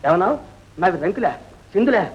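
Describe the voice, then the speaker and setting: An actor playing a loud, bossy, stingy father who haggles and stammers when frightened, in an old film. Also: high voice, expressive, fairly quick. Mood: indignant. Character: blustering stingy middle-aged father haggling over a marriage. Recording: dull old film soundtrack with faint hiss.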